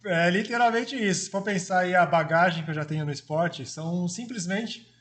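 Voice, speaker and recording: Friendly man in his forties, high voice. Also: brisk, fairly bright tone. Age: 40s. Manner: friendly, storytelling with filler "é". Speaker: guest, former marathon runner. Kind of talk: casual interview storytelling.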